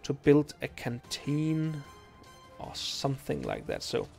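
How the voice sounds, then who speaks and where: A young Dane streams a game and chats casually with viewers, speaking a language that isn't his native one. His voice is creaky and rather high. He comes across as easygoing but halting, with many ums and restarts, and faint game music in the background.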